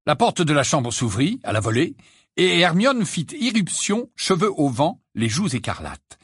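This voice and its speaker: A man narrates an audiobook with lively, dramatic swings in tone. His voice has a husky grain, recorded close on a studio mic with a dry sound. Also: on the high side, normal speed, no room sound. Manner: animated, dramatic storytelling. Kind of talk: expressive audiobook reading.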